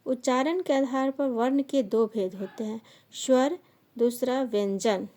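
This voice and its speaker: A woman teaching a grammar lesson, slowly dictating definitions and listing sounds and example words one by one. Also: on the high side, warm tone. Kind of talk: slow classroom grammar lesson.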